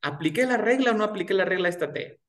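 A young man teaching English pronunciation in a one-on-one lesson, patiently drilling words slowly and repeating them. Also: sits high, lively intonation, a bit bright.

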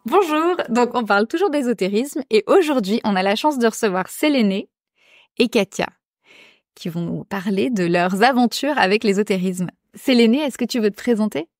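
A woman's voice: fairly high pitch, expressive, normal speed, dry recording, studio quality. A woman hosting a casual chat podcast, introducing guests and asking friendly questions. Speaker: podcast host.

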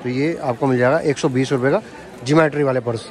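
A fast-talking young man with a medium-pitched, steady voice wanders through a busy street market, asking stall vendors for prices and repeating each one to his viewers. This casual vlog is shot on a handheld camera in point of view and selfie style, and the market crowd's noise and chatter carry throughout.

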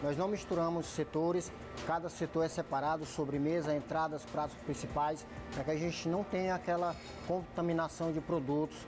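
Chef explaining, music under. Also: male voice, on the high side, brisk. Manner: calm, explanatory, with fillers. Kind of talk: explaining kitchen work on camera. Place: large restaurant kitchen.

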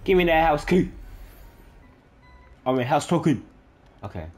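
A man giving casual let's-play commentary, excitable and chatty, reading game text aloud haltingly. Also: a little high, faint music behind. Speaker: gaming YouTuber.

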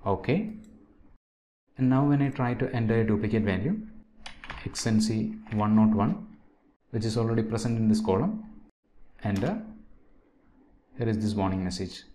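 A man narrating a step-by-step software tutorial, dictating each step in short, separated phrases. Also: lowish voice, normal speed, pauses often. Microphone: voice-over on a screen recording. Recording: noisy, with keyboard and mouse clicks.

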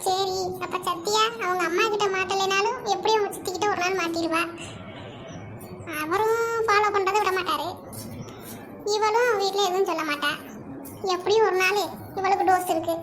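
A nosy young girl in a cartoon, voiced by a woman, gossips about the others. Her voice is very high and bright. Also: fairly even intonation, moderate pace, slight background noise. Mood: gossipy.

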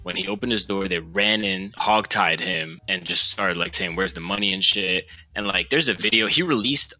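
A man's voice: low voice, moderate pace, sharp tone. A man from Russia telling a rambling, profane story in casual chat, mimicking others in a raised voice.

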